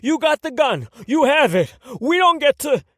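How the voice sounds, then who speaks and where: A man performs the role of a trapped, furious man screaming profane curses in panic, in a very high-pitched voice set above his own natural pitch, with big pitch swings and a slightly bright tone. The delivery is heavily acted at normal speed, and the audio is clean studio sound with no room reverb.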